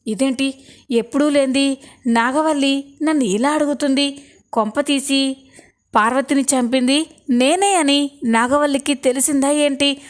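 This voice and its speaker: A greedy, scheming husband turns villain in this storybook retelling, harsh and threatening when he drops his act, read by a woman in her own voice. The voice sits high and light throughout. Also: a little slow, long pauses. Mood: pleading innocence.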